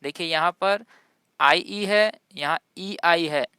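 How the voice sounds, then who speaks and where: Slow, bright and forceful, this woman's lowish voice comes through clean in a studio recording with no room sound. A native Hindi speaker, she gives a classroom-style English pronunciation lesson, spelling out words letter by letter and testing her viewers along the way.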